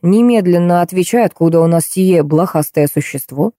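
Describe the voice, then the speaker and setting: A woman voicing a stern, commanding family man with a gruff manner. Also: lowish voice, normal speed, dark tone, no echo, clean studio sound, close to an everyday voice.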